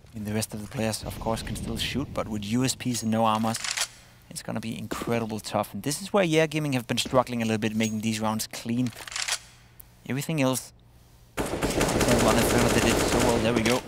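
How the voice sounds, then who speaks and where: A man's voice: mid-range voice, steady tone, normal speed. A man working as an esports caster, commentating and analysing a live video game match. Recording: gunfire and game noise behind voice. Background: video game gunfire and clicks.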